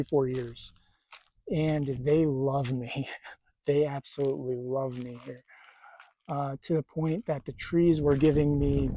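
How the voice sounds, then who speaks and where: Halting man with a strained throat. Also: mid-range voice, warm tone. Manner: halting, stuttering, rambling. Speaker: spiritual vlogger. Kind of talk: casual talk to camera. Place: outdoors at a desert campsite.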